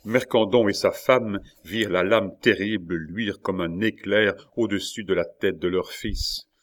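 A man narrating a literary audiobook in a measured, dramatic storytelling manner. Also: lowish voice, fairly even intonation.

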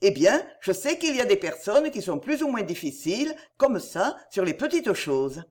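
A woman's voice: medium pitch, very animated, moderate pace, a little mellow. A woman reading aloud and voicing an earnest young male notary who is eager to confess to his intended.

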